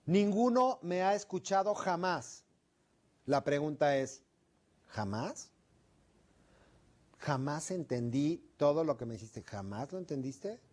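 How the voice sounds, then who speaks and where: A man's voice: a little high, animated, measured pace, darkish tone. A middle-aged man teaching a negotiation class, often asking questions and acting out example phrases. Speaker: instructor. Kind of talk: classroom lecture.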